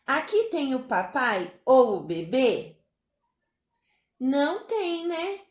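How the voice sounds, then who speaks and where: A woman teaching a spelling lesson to young children in a slow, sing-song way, with a Brazilian Portuguese accent. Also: sits high, sing-song. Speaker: primary school teacher. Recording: echoey room.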